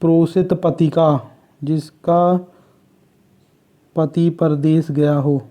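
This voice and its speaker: Man, Uttarakhand Hindi accent, exam-prep teacher; dark, unhurried, monotone list reading. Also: fairly high pitch. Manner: slow, measured, list-like delivery. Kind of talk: reading out quiz questions and answers.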